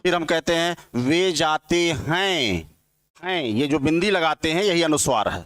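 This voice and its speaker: A man teaching grammar in an exam-prep lecture, dictating slowly and repeating each line so students can write it down. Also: a little high, a bit bright, no room sound. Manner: slow dictating, repeating lines for notes; spells out vowel sounds one by one.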